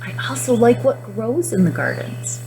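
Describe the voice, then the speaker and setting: A woman's voice: fairly high pitch, very animated, normal speed, vocal fry, a little mellow, soft background music, pitched above the performer's own voice, rough recording. A woman voicing a helpful female storybook rabbit who teaches children about food in an encouraging, instructive way. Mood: upbeat.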